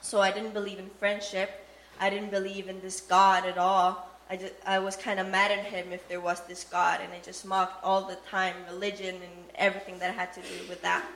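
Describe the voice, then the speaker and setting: Young woman, from Costa Rica, earnest faith testimony, mid-pitched voice, echoey room. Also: monotone, normal speed, fairly bright tone. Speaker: testimony speaker.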